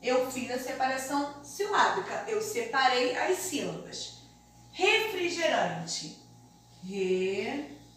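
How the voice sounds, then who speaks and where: A Brazilian woman teaching a remote lesson to young children, explaining slowly and deliberately in a sing-song way. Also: high voice, expressive. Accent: Brazilian Portuguese. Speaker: primary school teacher. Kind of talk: remote primary school lesson. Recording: very echoey room, mic far off, faint hiss.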